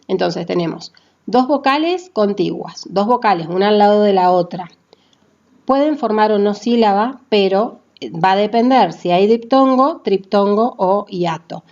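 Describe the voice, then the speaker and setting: Woman teacher, unhurried careful delivery, spells words out letter by letter, muffled lo-fi sound. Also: mid-range voice, darkish tone. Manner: deliberate, spells out letters and syllables, checks in with "¿sí?". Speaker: language teacher. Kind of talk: classroom grammar explanation.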